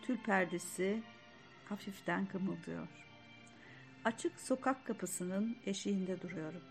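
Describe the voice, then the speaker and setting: Woman narrator for a reflective literary read, measured delivery, faint music bed. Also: medium pitch, gravelly.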